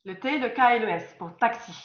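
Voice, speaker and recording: Expressive and a little fast, a woman with a fairly high-pitched voice runs an online group lesson via video call. She quizzes the students patiently, often repeating herself or starting phrases over. The lo-fi call audio sounds roomy and dull.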